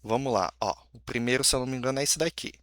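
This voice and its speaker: A man's voice: medium pitch, very fast, crowd noise. A Brazilian man with a Brazilian Portuguese accent giving casual, reflective commentary to his channel, swearing freely and correcting himself as he talks. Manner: informal, swearing, self-correcting. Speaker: video creator.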